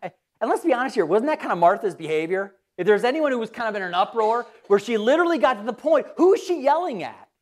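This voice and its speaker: A woman's voice: a little high, big pitch swings, quick pace, darkish tone. A woman pastor giving a conversational sermon, asking her listeners questions and acting out quoted voices. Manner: conversational, asks the audience questions.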